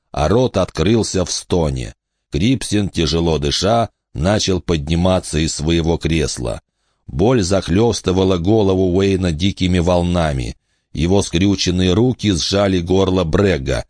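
Deep-voiced male audiobook narrator. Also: a little mellow, no echo, clean studio sound.

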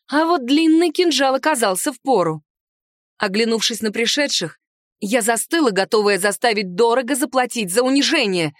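A woman giving expressive first-person narration of a novel as an audiobook reader. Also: fairly high pitch, dry recording, studio quality.

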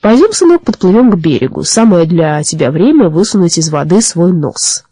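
A woman doing a gentle father water sprite. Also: on the low side, very animated, slightly rough, no room sound. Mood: patient. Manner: slow, gentle, reassuring.

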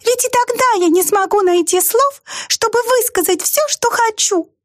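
A woman voicing a tiny, solemn, wistful female mouse in a storybook reading, speaking slowly in a high, drawn-out way. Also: no echo, clean studio sound. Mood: soft. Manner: slow, high, drawn-out speech.

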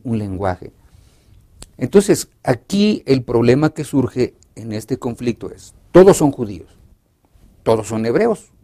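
Pastor man, Bible lesson talk, mellow dark timbre, expressive teaching manner. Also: medium pitch. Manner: expressive teacher, acts out dialogue, many restarts. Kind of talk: explaining a Bible lesson in conversation.

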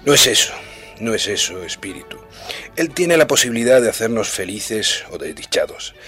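Scrooge, voiced by a man, low and hushed. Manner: earnest, at times hushed. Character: old male miser, moved by memories. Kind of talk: radio drama reading.

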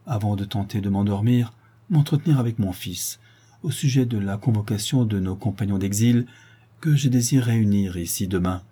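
A man reading an audiobook, voicing a dignified duke who speaks in a tired, grave and measured way. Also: fairly low pitch, dark tone, slightly rough. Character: weary, dignified older duke, a father.

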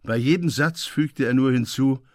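A man reads a classic tale aloud for radio, lively and expressive in his storytelling. His mid-pitched voice is dry and close to a studio microphone, with no room sound. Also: moderate pace, no echo. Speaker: narrator. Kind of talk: literary radio reading.

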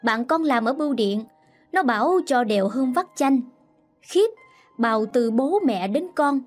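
A woman voicing a sharp-tongued, scornful sister-in-law who scolds loudly, in a storybook reading. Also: fairly high pitch, expressive, a little slow, soft background music. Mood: scornful, scolding. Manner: loud, mocking and scolding.

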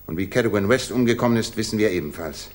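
An actor playing Sherlock Holmes as a commanding, ironic English gentleman detective in a 1960s German radio crime drama. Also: on the low side, fast talker, lightly acted. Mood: stern accusing. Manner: incisive, ironic, theatrical.

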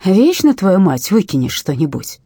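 A woman voicing an angry, abusive father who swears, shouts and sneers. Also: fairly low pitch, big pitch swings, moderate pace, breathy edge, dry recording, studio quality, heavily acted. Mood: shouting angrily. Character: angry abusive working-class father, man.

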